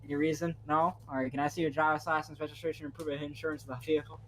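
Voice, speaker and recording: A man playing a stern male highway patrol trooper running a formal traffic stop, with noise behind him. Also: flat delivery, racing, fairly bright tone, lightly acted, rough recording. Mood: officious.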